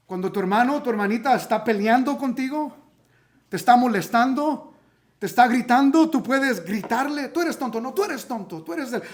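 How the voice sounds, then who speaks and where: A young adult man preaching a sermon as pastor in a conversational way, acting out quotes and slipping in English words. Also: high-pitched.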